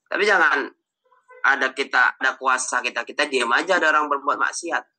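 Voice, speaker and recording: Bright-voiced preacher, joking. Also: male voice, mid-range voice, brisk. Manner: informal, joking, trailing restarts. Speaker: Islamic preacher. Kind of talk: online Q&A study session.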